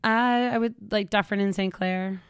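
A woman's voice: mid-range voice, flat delivery, a little fast, clear, resonant tone, no room sound. Upbeat woman guest from Toronto. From Toronto, Canada. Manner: upbeat, laughs easily. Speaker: podcast guest. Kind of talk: casual interview chat.

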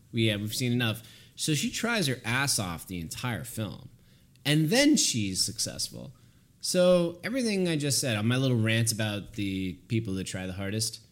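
A man co-hosting a casual podcast chat about films, telling stories animatedly and swearing freely. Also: fairly low pitch. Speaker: podcast co-host.

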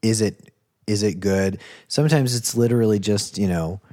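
A man with a somewhat low voice talks through his songwriting process in a loose, rambling way. He fills his sentences with "you know" and "like" as he chats casually with a co-host on a podcast. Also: normal speed. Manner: relaxed, rambling, many fillers and "you know". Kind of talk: casual conversation about songwriting.

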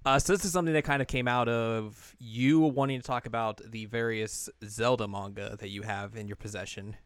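Young male podcast host, relaxed rambling delivery, smooth voice, dry close mic. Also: medium pitch, brisk, no echo. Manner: laid-back, rambling with fillers and laughs. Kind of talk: casual podcast chat.

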